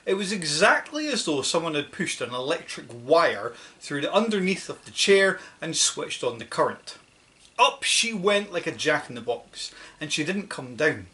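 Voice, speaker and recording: A woman narrating a children's storybook with an expressive, dramatic reading. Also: sits low, normal speed. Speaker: audiobook narrator.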